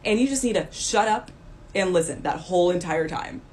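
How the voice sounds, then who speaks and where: A woman's voice: lowish voice, lively intonation, brisk, darkish tone, a little hiss or hum. A woman giving a blunt, emphatic rant straight to the camera, scolding her listeners. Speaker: commentator.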